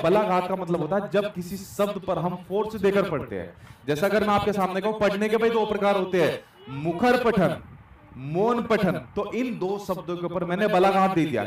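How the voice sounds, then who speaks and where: High-voiced man teaching in an echoey room. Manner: explains with repetition and rhetorical questions. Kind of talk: exam-prep lecture. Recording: echoey room, distant mic.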